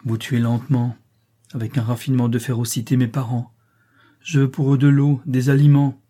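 Young heroine for an audiobook, earnest and raised, a man doing her, dark warm reading voice. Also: medium pitch, level tone, normal speed, natural voice. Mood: accusing. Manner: crying out, earnest. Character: brave young woman, devoted daughter.

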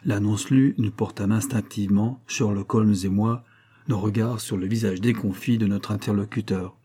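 A man narrating an audiobook in a measured reading. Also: on the low side, steady tone, mellow, husky.

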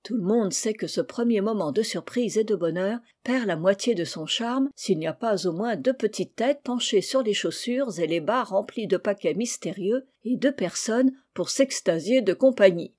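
A woman reading a children's novel aloud in a gentle, even storybook style, lightly voicing the characters' lines. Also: mid-range voice, normal speed, hardly any pauses. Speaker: audiobook reader. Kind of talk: storybook narration.

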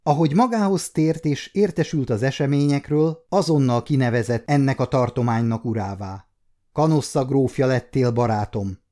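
A man in his fifties voicing an excitable, quick-tempered young male nobleman who raises his voice when stirred. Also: mid-range voice, close to an everyday voice. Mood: earnest. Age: 50s.

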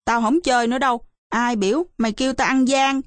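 Storybook casting: a woman as a bossy, smug little boy, quick and taunting, in a dry, close recording. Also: fairly high pitch, steady tone, no room sound, close to an everyday voice. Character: cocky, teasing little boy.

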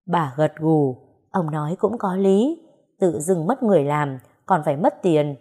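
A woman with a lowish voice narrates a village tale in an expressive, folksy way. She reads the story aloud, giving the lines a lively spoken color. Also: unhurried, breathy edge.

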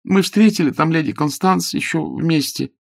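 A man reading a novel aloud, voicing an earnest young woman in love in a soft, raised girlish tone. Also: on the high side, normal speed, gravelly, dry recording, clean studio sound, voice pushed up. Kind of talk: audiobook character voice.

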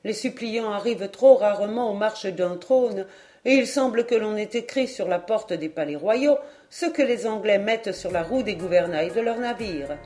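Mellow-voiced woman reading a novel. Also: mid-range voice, normal speed. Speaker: audiobook reader. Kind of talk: literary narration.

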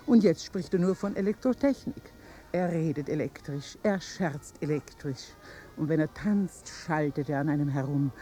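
A woman's voice: deep voice, normal speed, dark tone, lightly acted. An actress playing a flirtatious, gushing upper-class lady in a 1950s radio drama, talking coquettishly. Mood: gossipy. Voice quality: coquettish, theatrical. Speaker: society lady at a party.

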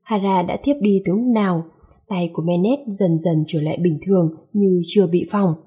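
A woman reading a romance story aloud in a steady, even narrating voice. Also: on the low side, normal speed, husky.

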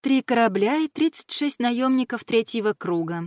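A woman reading an audiobook voices a cheerful, teasing young female mercenary with a lively, excitable delivery. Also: on the high side, normal speed, dry recording, clean studio sound, voice pushed up, lightly acted. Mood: wry.

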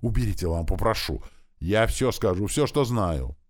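A man's voice: fairly low pitch, lively intonation, moderate pace, voice pushed up, natural voice. A man voicing a frightened young male rebel leader who whines and begs. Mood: terrified. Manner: whining, begging, panicky.

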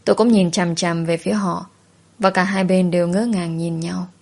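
A woman with a somewhat low voice narrates a first-person story. Her reading is steady and plain. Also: moderate pace, creaky.

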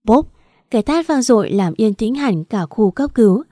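A woman reading an audio story in a steady storytelling manner. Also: a little high, normal speed, no echo, studio quality. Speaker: narrator.

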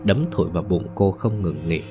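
A man tells a scripted horror story. He paces it in a measured, ominous way over faint background music. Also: low voice.

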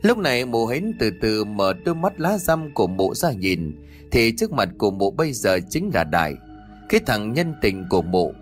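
Expressive male ghost story narrator. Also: on the low side, moderate pace, faint music behind.

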